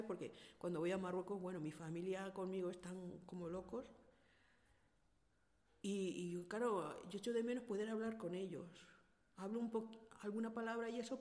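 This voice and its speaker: Earnest Spanish woman, mellow voice. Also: mid-range voice, long reverb tail. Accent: Spain Spanish. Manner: earnest, direct storyteller who acts out past dialogue. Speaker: interviewee. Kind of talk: personal account in casual conversation.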